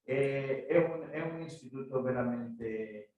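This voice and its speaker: A native Spanish-speaking man with a Spanish accent gives a conference address as guest speaker, haltingly searching for words in a language not his own. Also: medium pitch, darkish tone. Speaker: guest speaker, maritime law institute director. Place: echoey conference room. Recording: very echoey room, distant microphone.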